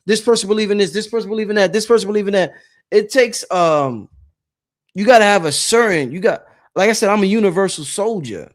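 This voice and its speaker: A man in his late thirties who hosts a spirituality channel talks casually to his viewers in a high, animated voice at a slightly fast pace. He rambles about spiritual matters and repeats phrases for emphasis.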